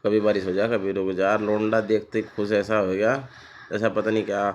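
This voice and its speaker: A man's voice: fairly low pitch, flat delivery, moderate pace, a little mellow, slight background noise. A man, a father chatting casually through a vlog and laughing often. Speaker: vlogger, father.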